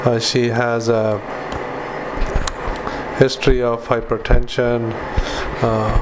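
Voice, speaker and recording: In a noisy recording full of background ambience, a man who works as a clinician dictates a medical note aloud, punctuation included. His mid-range voice stays monotone and flat as he halts through short fragments.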